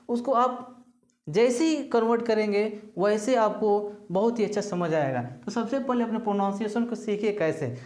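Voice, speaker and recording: A woman's voice: medium pitch, a little mellow. Echoey woman teaching by drilling. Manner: repetitive question-and-answer drilling. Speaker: English teacher. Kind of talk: classroom lesson.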